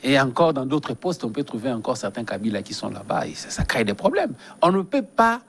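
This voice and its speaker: A man's voice: mid-range voice, sing-song, a little fast, creaky. A man from DR Congo, a guest giving earnest, emphatic political commentary in a studio interview and often repeating his phrases.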